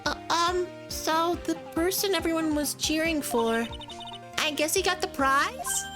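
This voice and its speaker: A woman voicing an earnest, prim and excitable little girl in video game dialogue, with a childlike way of talking. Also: very high voice, measured pace, music in the background. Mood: curious.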